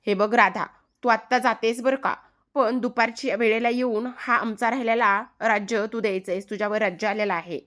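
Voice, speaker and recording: A spirited young girl coaxes and teases in an insistent, playful way, as a woman voices her. Her voice sits fairly high. It comes across as a lively storybook retelling. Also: moderate pace, natural voice. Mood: coaxing. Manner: coaxing, teasing insistence.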